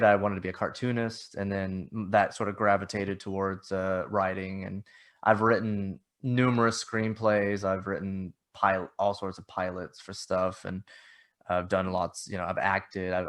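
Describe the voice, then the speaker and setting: Podcast host guy, lowish voice, kinda hesitant, lots of ums and restarts. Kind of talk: casual interview chat.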